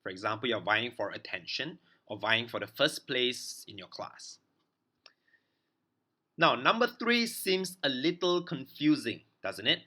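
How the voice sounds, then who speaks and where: Guy teaching english grammar really slow, bright clear voice, spells stuff out letter by letter. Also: mid-range voice, big pitch swings. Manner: spells out letters and repeats words slowly for learners. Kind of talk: slow explanatory grammar lesson.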